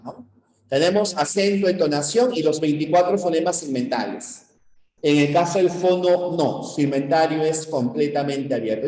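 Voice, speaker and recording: A man from Peru gives a university-prep lecture at a board, his voice sitting a little high for a man. He explains things step by step and keeps checking in with short questions to the class. The room is echoey around him. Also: a little mellow. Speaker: teacher.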